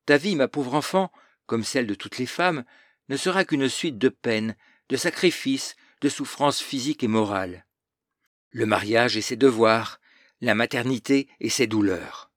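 A man's voice: medium pitch, no room sound, clean studio sound. A man voicing a stern, pious older aunt who lectures her niece with self-satisfied moralizing.

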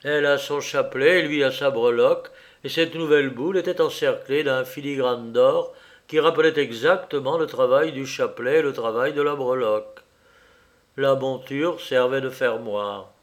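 A man's voice: medium pitch, moderate pace. Man narrating a classic novel. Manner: even, literary storytelling. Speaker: audiobook narrator. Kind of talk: scripted narration.

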